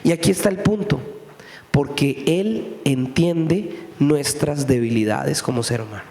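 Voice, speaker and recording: Pastor, male, high voice, chatty sermon full of rhetorical questions, roomy reverberant hall. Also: measured pace, mellow. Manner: conversational preaching with frequent rhetorical questions. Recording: echoey hall with long reverb.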